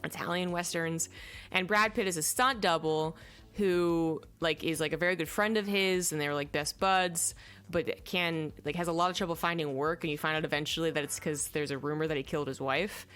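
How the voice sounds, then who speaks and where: A young native English speaker who vlogs film reviews talks casually in a low, smooth, fairly bright voice. She goes a little fast with fairly even intonation, rambling with "like" and "um" and stopping to hunt aloud for names. Faint music plays behind her.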